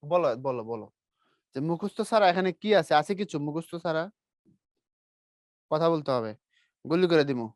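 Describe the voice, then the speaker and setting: A man teaching a grammar lesson to a class in a lively, teasing way, quizzing his students. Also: a little high, moderate pace, pauses often, dry recording, studio quality.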